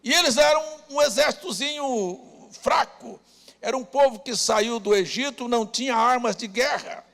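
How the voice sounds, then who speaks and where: Pastor guy, really high gravelly voice, shouting in a big reverby church. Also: normal speed. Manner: preaching with shouted exhortations to the congregation. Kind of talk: sermon. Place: church hall.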